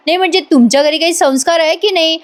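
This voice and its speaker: A proud, sharp-tongued aunt scolds and taunts in a nagging tone, as a woman reads her lines. The voice sits high. She keeps needling without letup. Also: moderate pace, lightly acted. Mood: scolding.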